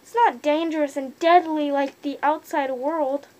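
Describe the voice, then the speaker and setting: High-voiced young woman inside a costume head. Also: steady tone, measured pace, a little mellow. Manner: rambling, many fillers. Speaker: fursuiter vlogger. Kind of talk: casual opinion monologue.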